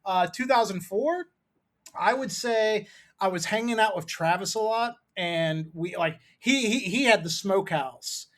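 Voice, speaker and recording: A man's voice: high voice, measured pace, a bit bright. A man in his thirties from Maryland, co-hosting a podcast and telling a rambling, profane story in casual chat. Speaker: podcast co-host.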